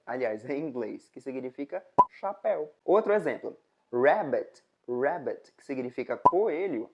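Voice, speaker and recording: A woman from Brazil with a Brazilian Portuguese accent, teaching in a casual video lesson, explaining step by step and slowly repeating example words. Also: deep voice, darkish tone, muffled recording. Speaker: English teacher.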